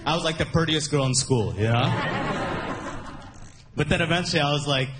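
A man from Sudan doing an animated stand-up comedy set on a festival stage, playing to a laughing audience. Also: brisk. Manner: animated, jumps high for impressions. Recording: live show with crowd noise.

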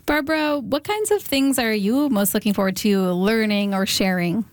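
A woman hosting a radio interview, reading intros and asking questions in a clear, measured way. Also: mid-range voice, no echo, studio quality. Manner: clear, measured scripted delivery. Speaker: radio host.

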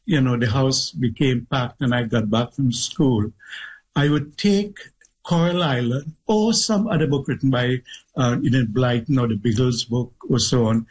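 Man, middle-aged, Trinidadian accent, husky, measured and thoughtful, interview guest. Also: mid-range voice, a little mellow, rough recording. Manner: measured, thoughtful, with pauses and restarts. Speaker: guest author. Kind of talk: reflective interview storytelling.

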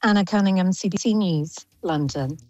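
A woman's voice: fairly low pitch, moderate pace, a little mellow, no echo, lo-fi sound. A woman giving a scripted radio news report as a correspondent.

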